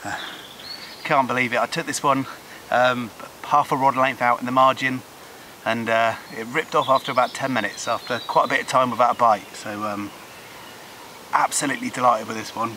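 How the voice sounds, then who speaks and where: Out on a wooded lake bank, a fishing vlogger chats casually to camera in a medium-pitched, steady voice that sounds pushed and bright. He talks at a moderate pace, with nature sounds from outdoors behind him.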